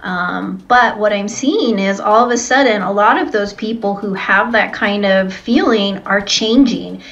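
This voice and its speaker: A woman's voice: medium pitch, a little slow, a bit bright, highs cut off. A woman interviewer chatting casually, feeling her way through loosely phrased comments and questions.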